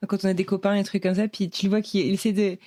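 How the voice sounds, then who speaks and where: A woman's voice: mid-range voice, level tone, quick pace, mellow, dry recording, studio quality. A woman in her thirties interviewing a guest in casual chat, asking questions and laughing along.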